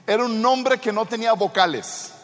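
A man's voice: high voice, normal speed, fairly bright tone. A man preaching a sermon, telling the story with humorous asides and building to fervent proclamation. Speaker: pastor. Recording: long hall reverb.

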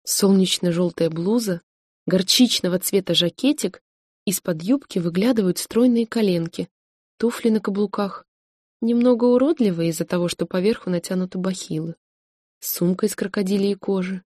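A woman narrating an audiobook in a measured, even storytelling manner. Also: medium pitch, no echo, studio quality.

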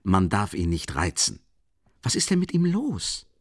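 A steady, firm doctor speaking in a low, measured voice, as a male narrator plays him, quiet and concerned. The sound is dry and close. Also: husky, dry recording, heavily acted.

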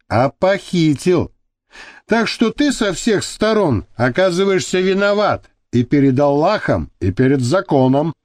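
A man reading the part of a calm, wry male captive who lectures his guard. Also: on the high side, dry recording, studio quality.

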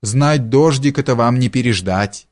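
A man reading an audiobook, voicing a curt, gruff forester who speaks slowly. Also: medium pitch, a little mellow, natural voice.

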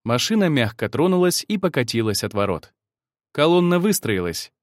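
A man reads first-person fiction aloud as an audiobook narrator, with a lively, rising and falling delivery. His voice sits mid-pitched. The sound is dry and close, with no room around it. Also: normal speed, dry recording. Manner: expressive first-person reading.

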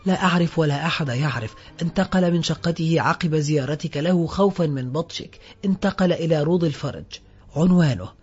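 A man's voice: a little high, a little fast, mellow, husky. A man playing a frightened pleading thief. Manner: pleading, anxious protests. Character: frightened pleading middle-aged male thief. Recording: dull lo-fi with faint music.

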